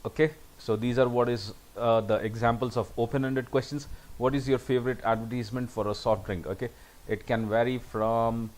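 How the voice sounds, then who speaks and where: A man's voice: mid-range voice, darkish tone, low-quality recording. A man giving a recorded lecture over slides, often saying "okay" between points.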